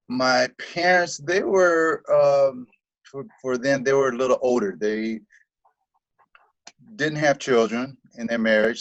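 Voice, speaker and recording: The guest in this casual interview conversation is a middle-aged man born in Korea who grew up in the US Midwest. Easygoing and quick to laugh, he answers in a mid-range voice. The recording is dry, dull and muffled.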